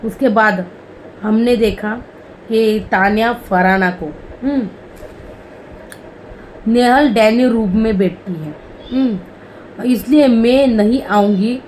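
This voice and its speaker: A woman giving a casual, chatty recap of a reality show episode, peppered with fillers and quick quotes of the contestants. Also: on the high side, a little mellow, slight background noise, low-quality recording. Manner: chatty, lots of "bhai" and "hmm" fillers.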